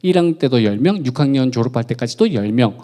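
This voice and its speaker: A pastor from Gunwi, North Gyeongsang, South Korea, preaches at a midweek church service, playfully joking with the congregation and quizzing them. His mid-range voice is warm and expressive, and he talks fast and chattily through the interactive sermon.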